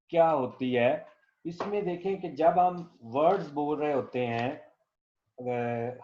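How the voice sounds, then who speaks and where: A middle-aged male professor giving a classroom lecture, slow and patient, checking often that students follow and dictating definitions word by word. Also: fairly high pitch. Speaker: professor teaching linguistics. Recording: dull lo-fi classroom recording.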